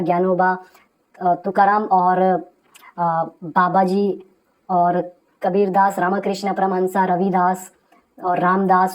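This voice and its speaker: A woman with an Indian English accent teaching English vocabulary in a video lesson, explaining slowly and repeating each word, mixing Hindi and English. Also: medium pitch, a little mellow, low-quality recording.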